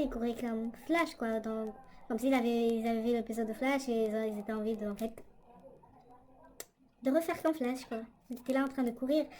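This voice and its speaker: With a darkish, slightly high voice, a young woman tells her vlog audience a story in a chatty, hesitant way, leaning on fillers. The indoor tablet recording carries slight background noise.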